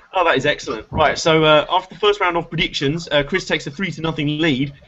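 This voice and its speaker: Chatty British man, a touch high. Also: a bit bright. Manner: chatty, rambling, self-mocking jokes. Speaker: show host. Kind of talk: casual podcast chat. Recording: slightly dull lo-fi audio with faint hiss.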